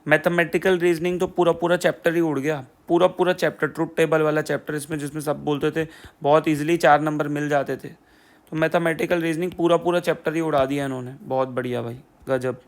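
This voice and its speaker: Young man, casual explainer, sarcastic, repetitive phrases, gravelly, slightly high. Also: little pitch movement, fairly quick. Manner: sarcastic, repeats "theek hai bhai" and "poora poora". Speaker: exam prep educator.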